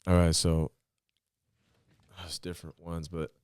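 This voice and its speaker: A young man from Northern California, a guest actor, chatting casually on a podcast in an animated, joking, profane way. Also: sits low, a little slow, clear, resonant tone, no echo, studio quality.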